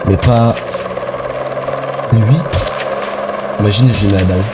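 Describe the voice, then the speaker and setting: A young man from France giving casual, excitable let's-play commentary full of slang as he plays a shooter game. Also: fairly low pitch, measured pace, heavy background noise. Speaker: gaming video creator.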